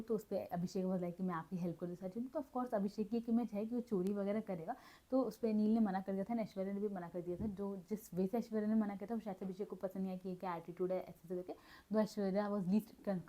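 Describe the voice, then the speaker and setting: A woman's voice: mid-range voice, mellow. A woman giving a casual, chatty recap as a vlogger, mixing Hindi and English and often correcting herself mid-sentence. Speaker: reality show recap vlogger. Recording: dull lo-fi audio.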